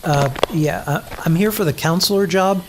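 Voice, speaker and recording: An actor plays a hapless, clueless-sounding applicant in a comic audio drama. The mid-pitched voice is hesitant and awkward, with loud noise behind it. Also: moderate pace, lightly acted.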